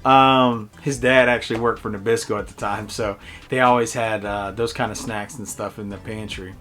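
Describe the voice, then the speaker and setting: His voice is fairly low in pitch and a bit bright, with fairly even intonation and a moderate pace. This middle-aged host gives a casual, personal game review full of nostalgic, enthusiastic storytelling, with music behind him.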